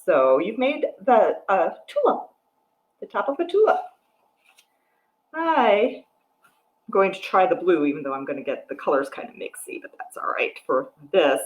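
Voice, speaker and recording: A middle-aged American woman hosting storytime as a children's librarian reads a picture book and chats about a craft with young children, pitch swooping lively, explaining simply and questioning the listener. She talks at normal speed with long pauses. The dull, roomy audio comes from a device microphone about arm's length away in a home room with a wooden floor and a piano.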